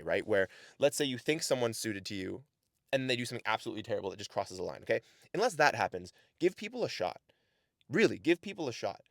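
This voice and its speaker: Fast-talking earnest man giving life advice. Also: mid-range voice, dry recording, clean studio sound. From Canada. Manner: earnest, repeats "right?" and "the reality is". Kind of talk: casual motivational talk to camera. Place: outdoors in snow.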